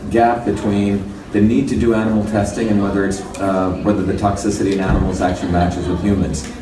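A man's voice: low voice, flat delivery, a little fast. A man in his fifties from India, giving a conversational, explanatory conference talk with slides. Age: 50s. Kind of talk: lecture with slides. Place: conference room. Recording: roomy hall, far from mic, faint noise.

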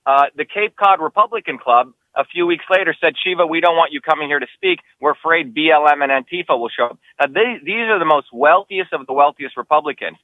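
A man's voice: brisk, hardly any pauses, no echo, phone-quality sound. A man, who grew up in New Jersey, answering interview questions as a political candidate, talking emphatically and insistently. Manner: emphatic, insistent, rising pitch when heated.

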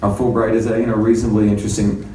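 A man's voice: on the low side, level tone, racing, warm tone. Man lecturing from across a roomy hall. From India. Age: 50s. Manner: explanatory, conversational lecturing. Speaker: company chairman giving a conference talk. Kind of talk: lecture with slides. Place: conference room. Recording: roomy hall, far from mic, faint noise.

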